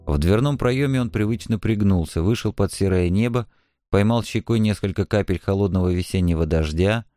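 Brief: measured male audiobook narrator, low-pitched, dry close read. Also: mellow, no echo, faint music behind.

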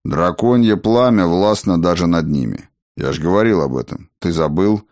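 A man voicing a gruff, protective dragon father in a storybook reading, talking in a low grumble. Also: expressive, moderate pace, darkish tone, no echo, studio quality. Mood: gruff, calm.

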